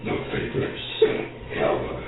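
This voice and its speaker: A man voicing an ominous spirit that offers power in a slow, breathy, gravelly whisper, in a tabletop game. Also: close to an everyday voice. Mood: ominous, tempting. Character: deep, tempting inner spirit voice offering power. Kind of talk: tabletop role-play. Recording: roomy, phone-like sound with music.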